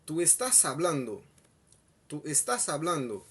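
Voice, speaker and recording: A man teaching a language lesson, saying each phrase twice, slowly and deliberately. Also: a little high, very animated, fairly bright tone, breathy edge. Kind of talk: slow bilingual language lesson.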